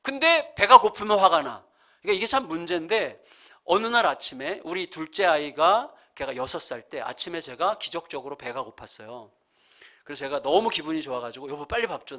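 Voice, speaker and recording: A man's voice: a little high, brisk, gravelly. A male pastor in his fifties preaching a sermon, telling funny family stories and acting out the dialogue. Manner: humorous, animated storytelling with acted-out dialogue. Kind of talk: sermon with storytelling. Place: church sanctuary.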